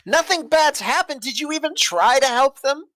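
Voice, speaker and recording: A woman voicing a distraught young boy in a tabletop game, shouting accusations. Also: animated, a little fast, dry recording. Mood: bitter. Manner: shouting, accusing, high-strung.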